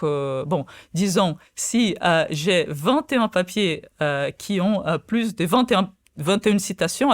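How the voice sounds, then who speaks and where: Speaking as a guest on a podcast interview, a Portuguese-speaking quantum physicist from Brazil comes across as hesitant, full of fillers and restarts. Her fairly low voice is on a dry recording with clean studio sound.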